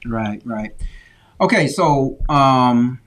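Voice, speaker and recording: A man hosting a casual political talk podcast, reading viewer comments aloud in a relaxed, lightly teasing way. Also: mid-range voice, drawn-out words. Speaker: podcast host.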